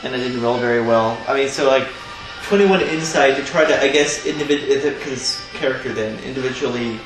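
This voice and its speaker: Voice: mid-range voice, a little fast. A player in a tabletop game, hesitant and thinking aloud. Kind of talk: casual tabletop play. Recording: echoey room off mic with music.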